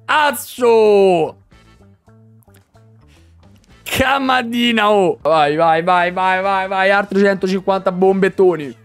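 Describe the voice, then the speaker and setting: A young man commentates a video game pack opening in a high, excitable voice. He swears freely and breaks into shouts. Faint music plays underneath. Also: takes it slowly, pauses often, smooth, dry recording. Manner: loud, swearing, shouts at big pulls. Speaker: gaming streamer.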